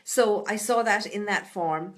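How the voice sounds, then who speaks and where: A woman's voice: mid-range voice, unhurried. A middle-aged woman with a Tipperary Irish accent, answering viewers' questions in a chatty, reassuring live stream full of "you know" and "okay?". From Ireland. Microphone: webcam or phone on a live stream.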